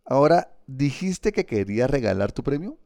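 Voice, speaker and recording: A man's voice: mid-range voice, big pitch swings, normal speed, creaky, a little mellow, no room sound, clean studio sound. A man reading a storybook, voicing a stern, sarcastic male schoolteacher with a lofty, mocking manner.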